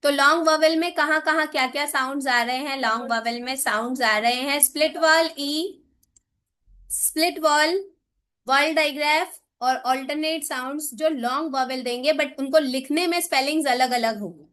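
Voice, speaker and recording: A woman's voice: sits high, normal speed, a bit bright. A woman with an Indian English accent giving a classroom lecture as a teacher trainer, explaining patiently and often checking that her listeners follow. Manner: patient, explanatory, asks frequent check questions.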